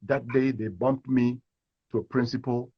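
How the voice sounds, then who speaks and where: A middle-aged Kenyan actor tells stories in a live interview, animatedly acting out the voices of the people he quotes. His mid-range voice is slightly rough and moves at a moderate pace. The recording sounds muffled.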